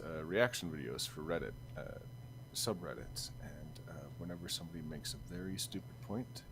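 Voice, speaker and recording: A young man co-hosting a podcast, chatting casually in a hesitant, halting way full of fillers and restarts. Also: low voice, background noise. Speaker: podcast co-host. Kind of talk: casual chat.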